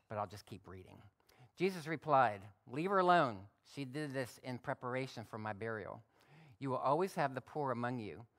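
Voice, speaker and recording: A man's voice: mid-range voice, a bit bright. Man preaching a folksy sermon. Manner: folksy, conversational preaching with reading aloud. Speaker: pastor. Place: church.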